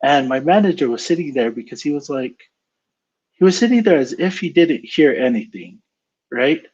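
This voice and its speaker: A man casually telling a story to a host, acting out his own reactions with animated quoted lines. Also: a little high, moderate pace, husky. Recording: slightly dull, lo-fi sound.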